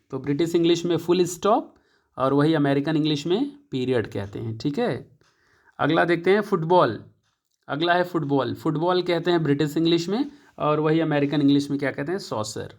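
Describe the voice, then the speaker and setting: A man teaching an English lesson, explaining each point again and again, often pausing to check and correcting himself. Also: fairly high pitch. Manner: repetitive, checks with "ठीक है" often; self-correcting, thinking aloud. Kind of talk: classroom-style lesson.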